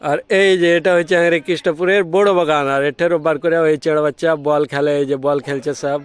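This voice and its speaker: A man's voice: fairly high pitch, steady tone, quick pace, clean tone. A young man from Malda with a local Bengali accent, chatting casually in a vlog from a mango orchard and calling out to friends and kids. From Malda, West Bengal. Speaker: vlogger.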